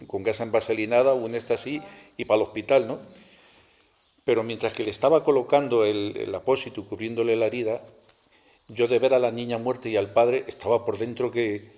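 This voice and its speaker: A middle-aged man telling a personal story in a talk at a spiritual center, halting and restarting as he goes. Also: lowish voice, darkish tone. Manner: halting, with many restarts and rhetorical tags.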